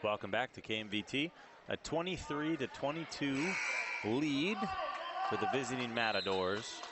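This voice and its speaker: A man with a mid-range voice gives animated, moderately paced play-by-play of a volleyball match, speaking in clipped phrases that climb on the big plays. It was recorded in a noisy gym, with the crowd and bouncing balls audible behind him.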